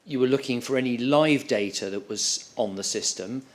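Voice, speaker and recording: Man lawyer asking questions, slow and careful, polite. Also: medium pitch. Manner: measured, deliberate, polite. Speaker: inquiry counsel. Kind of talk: formal questioning.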